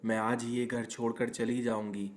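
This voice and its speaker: A man's voice: mid-range voice, flat delivery, normal speed, natural voice. A man voicing an angry young wife. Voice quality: indignant, complaining. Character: young newlywed wife, quick-tempered and demanding. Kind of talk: cartoon story voice acting.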